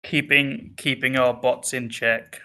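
A man's voice: mid-range voice, fairly even intonation, slow pace, bright, forceful tone. A man chiming in on a casual online community call with dry, teasing remarks.

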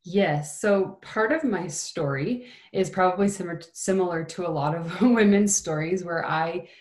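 A woman's voice: on the low side, a little slow, a little mellow. A woman wellness coach answering interview questions as a podcast guest, with a roomy, echoing sound. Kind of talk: interview answers about own work.

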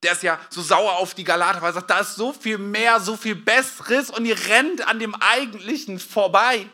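A man delivering a sermon, his voice pitched high and ringing very bright. He shifts from quiet, reflective passages into loud, dramatic outbursts as he acts out the quotes he cites. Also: normal speed. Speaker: pastor.

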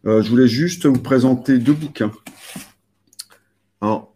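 A man's voice: mid-range voice, measured pace, dark tone, a little hiss or hum. A man hosting a casual live stream, rambling with many fillers and restarts.

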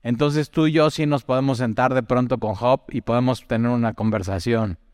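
A man gives a conversational Bible talk, often turning to the listener with questions and stories from his own life. His voice is smooth and clean, with a long trailing reverb behind it. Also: medium pitch, steady tone, moderate pace, a little mellow, studio quality. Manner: chatty, asks the listener direct questions, tells personal stories. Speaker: Bible teacher.

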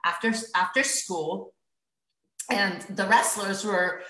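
A middle-aged woman tells a story from her past in a casual interview, bright-voiced and animated. She laughs often and acts out the people in it. The room is roomy and echoes. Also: fairly low pitch. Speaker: guest.

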